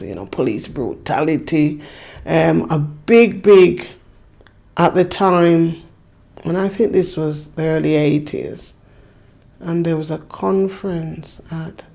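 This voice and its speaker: A woman in her fifties speaks in an interview with a gravelly, fry-tinged voice. She reminisces thoughtfully and earnestly, circling back on her phrases with a steady "you know". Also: low-pitched. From Jamaica. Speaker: community activist. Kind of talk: reflective interview recollection.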